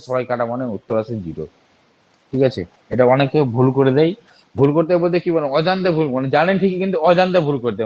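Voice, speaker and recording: A man teaches a math lesson at a fast clip. He works through each step, asks the students rhetorical questions and warns them about careless errors. The recording is dull and lo-fi. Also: medium pitch, darkish tone. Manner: repeats steps and keeps warning students about careless slips. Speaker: math tutor. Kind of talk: exam-prep math lesson.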